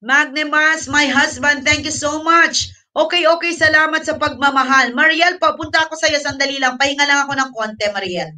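A woman runs a laid-back livestream, winded and chatty, thanking viewers and slipping English into Tagalog. Recorded from a distance, her voice is high-pitched, pushed and bright, at a normal speed.

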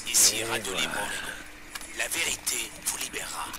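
A man's voice: lowish voice, moderate pace, loud music behind the voice. An actor playing a paranoid male conspiracy radio host, ranting and mocking on a pirate radio broadcast in a game. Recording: loud background noise.

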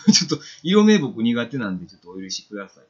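A man's voice: mid-range voice, sing-song, fast talker, a little mellow, breathy edge, highs cut off. A man with a Kansai accent giving a casual, chatty watercolor painting demo on a live stream, reading viewer comments aloud.

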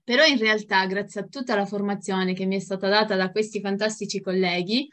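A woman's voice: mid-range voice, fairly even intonation, fairly quick, fairly bright tone. A woman with a Sicilian accent giving an informal, enthusiastic testimonial on a group video call, often giggly. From Sicily, Italy. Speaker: network marketing team member. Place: indoors at home, video call.

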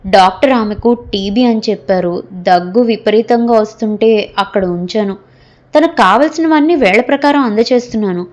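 A woman's voice: mid-range voice, normal speed, a little mellow, highs cut off, natural voice. A woman voicing a proud young wife who answers her husband with cutting, defiant retorts. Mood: guarded.

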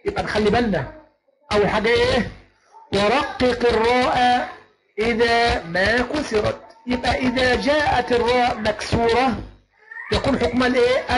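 A man with an Egyptian accent giving an online lecture on Quran recitation rules. He chants verse lines slowly and keeps asking his students whether everything is clear. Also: extremely high pitch. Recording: noisy online lecture recording.

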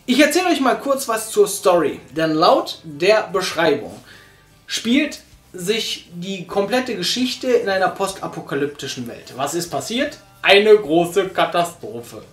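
Sitting on a sofa in a small living room, a young man hosts a casual review podcast, enthusiastic and rambling with plenty of fillers. His high-pitched voice is sing-song and a bit bright at a measured pace. The sound is reverberant, with soft background music.

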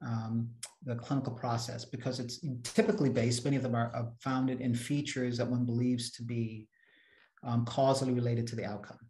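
A man's voice: mid-range voice, flat delivery, normal speed, a little mellow. A man answering a question at an academic seminar over a video call, emphatic and often repeating words as he starts a sentence. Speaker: seminar speaker. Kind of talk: academic Q&A discussion. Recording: echoey room on a video call.

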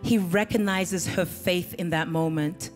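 A middle-aged woman pastor speaks a little slowly in a fairly low, slightly mellow voice with fairly even intonation, preaching earnestly into a handheld mic. Behind her on the large church stage is a band, and the hall is reverberant with music.

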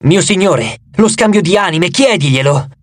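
A man's voice: high-pitched, lively intonation, moderate pace, no echo, studio quality. A man voicing a scheming male ghost who hisses and gives orders scornfully. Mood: hissing. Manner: hissing, insistent, scornful.

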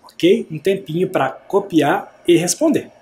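A man teaching an adult science class, speaking patiently and clearly and often checking whether his students follow. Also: sits high, lively intonation, a little slow, a little mellow, soft background music. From Brazil. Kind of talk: recorded class for adult learners.

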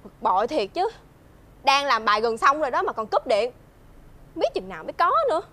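A woman's voice: high voice, very animated, brisk, bright, forceful tone, full character voice. A snappy, irritable young woman. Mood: irritated. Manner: snappy, scolding. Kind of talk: web drama acting. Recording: noisy ambient background.

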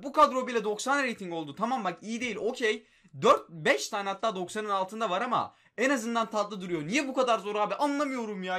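A man's voice: high-pitched, pushed and bright. A young man giving live commentary on a mobile game he plays, pleading with it and exasperated at its results.

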